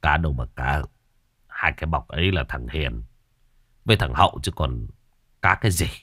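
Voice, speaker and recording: A man voicing a sorrowful middle-aged fisherman who speaks haltingly, in a storybook reading. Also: mid-range voice, sing-song, pitched above the performer's own voice. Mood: grieving. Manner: halting, stammering speech. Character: grieving middle-aged fisherman father, low and heavy.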